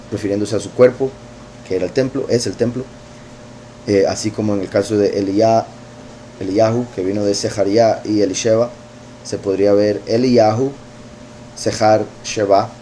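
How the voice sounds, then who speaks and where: A man, teaching scripture verse by verse in an unhurried way, thinking aloud with fillers and asides. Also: fairly low pitch, warm tone, a little hiss or hum. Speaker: bible teacher.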